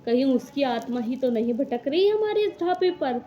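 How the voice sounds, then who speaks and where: A woman's voice: sits high, animated, moderate pace, highs cut off. A woman voicing a loyal, worried male servant in a cartoon, advising his master earnestly. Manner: earnest, persuasive. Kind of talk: cartoon voice acting.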